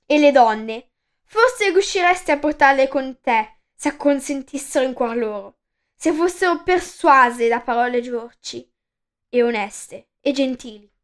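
Woman doing a stern old-world king, firm and threatening, highish voice, myth story. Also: measured pace. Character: King Pelasgo, stern commanding male ruler.

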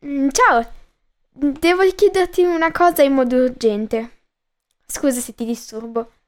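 A woman's voice: high-pitched, measured pace. A woman reading a story aloud and voicing a manipulative, unhinged young woman who kidnaps people, coy in manner with mad laughter. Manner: coy then menacing, laughs madly.

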